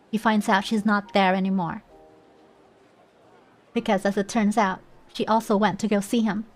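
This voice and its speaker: A young woman streaming a game, chatting casually, giggling and reading lines aloud. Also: mid-range voice. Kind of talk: casual gameplay commentary.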